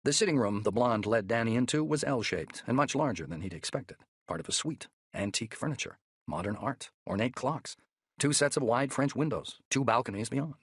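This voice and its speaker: A man narrating a thriller audiobook in a measured, steady way, close to the mic. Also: mid-range voice, slightly rough, no echo.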